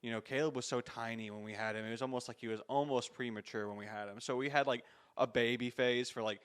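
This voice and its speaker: A man's voice: mid-range voice, steady tone, quick pace, a bit bright, clean tone. A man in his thirties hosting a faith-based interview, reflective and encouraging, with frequent restarts. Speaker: podcast host.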